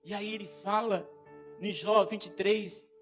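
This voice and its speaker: A man's voice: high-pitched, fairly even intonation, a little slow, fairly bright tone. A man, a pastor preaching an impassioned, emphatic sermon that swells dramatically. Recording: faint background instrumental music.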